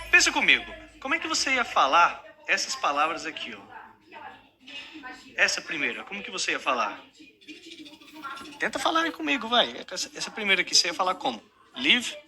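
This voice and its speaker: A Brazilian man, an English teacher, pitching his course and teaching a lesson, talking straight to the viewer. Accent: Brazilian Portuguese. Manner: animated, talks straight to the viewer.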